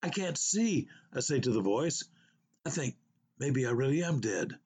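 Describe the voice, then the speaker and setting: A man's voice: medium pitch, animated, measured pace, darkish tone, breathy edge. A man voicing a frightened woman recalling her fall, told in an uncertain first-person way. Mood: dazed. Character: frightened injured woman, dazed after a fall.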